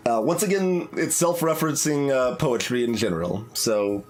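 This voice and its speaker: A game streamer talks through his playthrough casually, his medium-pitched male voice moving at a moderate pace. He thinks aloud in a hesitant, rambling, analytical way while game music plays in the background.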